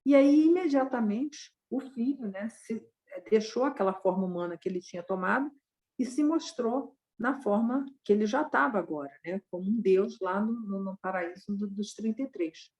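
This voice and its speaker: A woman's voice: medium pitch, moderate pace, a little mellow. Woman telling a dharma story. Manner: conversational, constant tag questions. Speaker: Buddhist dharma teacher.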